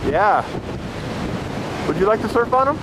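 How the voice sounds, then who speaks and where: Man chatting with a child over loud surf. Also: sits high, lively intonation, moderate pace. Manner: gently prompting with simple questions. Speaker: father filming a family outing. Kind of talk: casual chat with a child. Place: outdoors on a windy beach. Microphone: built-in camcorder microphone, held by speaker. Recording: loud surf noise, amateur camcorder outdoors. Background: loud ocean waves and surf.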